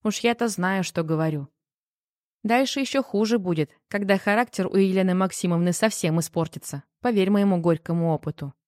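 A woman's voice: lowish voice, brisk, a little mellow, dry recording, studio quality, natural voice. A woman reading the part of a worried, teasing wife who keeps pressing with questions in an audiobook. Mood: needling. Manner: pushy, needling questions.

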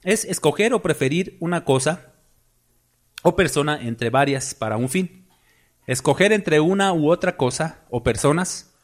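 A man preaching a sermon, emphatic and full of rhetorical questions to the congregation. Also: fairly high pitch.

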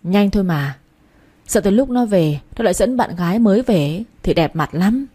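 A woman's voice: mid-range voice, expressive, normal speed, warm tone, husky. A woman voicing a middle-aged mother who sighs and scolds in a story reading. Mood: chiding.

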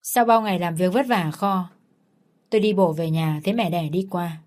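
A woman reading a first-person story in a plain, steady way. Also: on the low side, normal speed.

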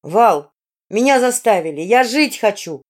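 A woman's voice: on the high side, lively intonation, unhurried, voice pushed up. A woman reading an audiobook, voicing a jealous young woman who screams threats in a rage. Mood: desperate. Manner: shrieking, raging. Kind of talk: audiobook character voice.

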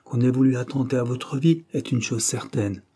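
A brisk, self-assured detective, pressing his point with insistent authority, as a man reading the story puts him on. The voice has a husky grain with a darker tone, lifted higher than the narration. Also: mellow, close to an everyday voice. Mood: firm. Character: brisk confident male detective.

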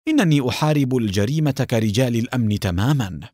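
Man voicing a calm, mocking masked cowboy vigilante. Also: medium pitch, fast, no room sound, studio quality, close to an everyday voice.

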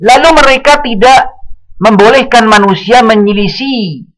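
A man giving a religious study lecture, speaking in a measured way and quoting Arabic passages. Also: very high-pitched, a bit bright, low-quality recording. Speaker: Islamic teacher.

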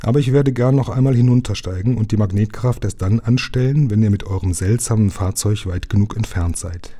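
A man voicing an ancient, gentle male sea creature with a melodious, solemn way of speaking while reading a storybook aloud. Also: fairly low pitch, brisk, husky.

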